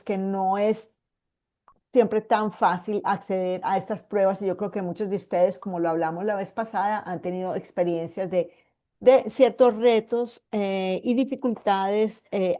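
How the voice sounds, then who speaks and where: A geneticist in her fifties from Medellín, Colombia, speaks with a Paisa accent as a guest at an online presentation to a support group. She explains patiently, pausing to find her words, in a dark, medium-pitched voice with fairly even intonation.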